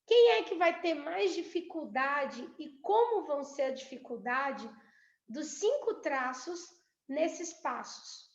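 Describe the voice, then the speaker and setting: A woman's voice: high-pitched, lively intonation, slow. A Brazilian woman mentoring couples, explaining her points with acted everyday examples. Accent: Brazilian Portuguese. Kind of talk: teaching a couples workshop. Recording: echoey room, dull lo-fi sound.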